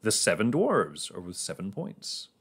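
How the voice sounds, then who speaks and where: A man's voice: lowish voice, wildly swooping pitch, measured pace, creaky, fairly bright tone, breathy edge. A man casually talking through his moves in a board game on a livestream, rambling and laughing often.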